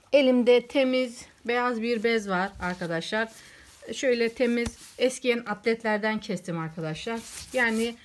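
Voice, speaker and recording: A woman in a casual how-to home cleaning video, chatting to viewers as friends while she works on a rug at home. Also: fairly high pitch.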